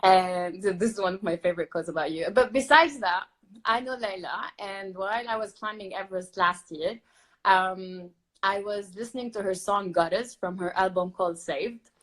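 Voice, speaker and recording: A woman's voice: medium pitch, normal speed, low-quality recording. A woman hosts an online talk series and introduces her guest over a video call. Her delivery is enthusiastic and eager, and she uses "literally" and "uh" often. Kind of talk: interview host chat.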